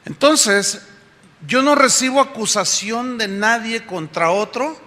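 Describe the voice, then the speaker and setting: A pastor preaching a sermon, telling stories and acting out what people said. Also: male voice, very high-pitched, slow pace, pushed and bright. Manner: storytelling, acts out quotes. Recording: echoey hall.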